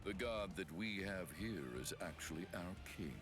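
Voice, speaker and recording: An actor voicing a haughty, deliberate male warrior devoted to his king in an anime game. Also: sits low, animated. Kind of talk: anime game cutscene acting. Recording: faint music under the voice.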